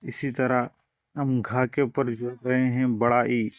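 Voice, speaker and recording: A man's voice: mid-range voice, level tone, slow pace, dry recording, lo-fi sound. A man teaching a language lesson, explaining each step patiently and drawing out the example sounds.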